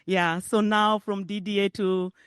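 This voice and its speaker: A middle-aged Ugandan woman gives a keynote in a chatty, conversational way. Her voice is smooth and clear. The sound is dry and close. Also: mid-range voice, level tone, unhurried, no echo. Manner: warm, conversational, laughs often. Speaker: keynote speaker. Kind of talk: public speech.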